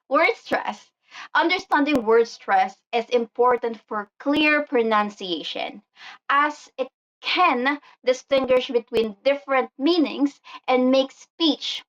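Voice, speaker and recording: Woman teaching word stress real slow, lotta ums, kinda dull lo-fi sound. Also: on the high side, fairly bright tone. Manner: frequent "um" and "uh" fillers. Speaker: English pronunciation teacher. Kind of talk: slow explanatory lesson with slides.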